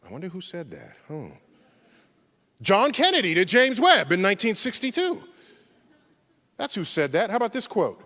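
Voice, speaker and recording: Man, science lecturer, animated, loud bursts then hushed, higher voice, reverberant hall. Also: normal speed, long pauses. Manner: animated, swinging from loud exclaims to hushed musing.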